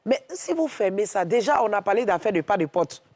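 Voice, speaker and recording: A woman with an Ivorian French accent, a guest on a TV talk show, telling a story in a lively way and acting out what each person said. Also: mid-range voice, fairly quick. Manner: lively, tells stories in the first person and acts out what each person said. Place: TV studio.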